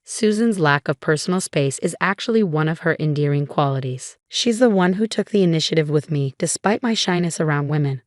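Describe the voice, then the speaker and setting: A relaxed, good-natured middle-aged father explaining things fondly in a spoken family story, as a woman narrator puts him on. The voice is somewhat low and sounds close and dry. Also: fairly quick, hardly any pauses, no room sound.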